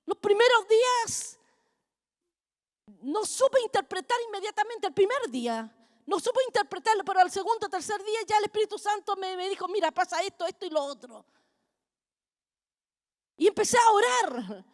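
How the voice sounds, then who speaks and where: A middle-aged woman, preaching a fervent sermon that builds to shouting. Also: very high-pitched, expressive, moderate pace, long pauses. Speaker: apostle preaching at a congress.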